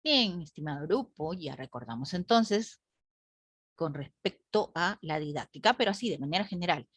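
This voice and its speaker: Woman teacher, lively intonation, lowish voice, dry close sound, rhetorical questions. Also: moderate pace, breathy edge, dry recording. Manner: rhetorical questions to the group, frequent tag "¿no?". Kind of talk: online class lecture.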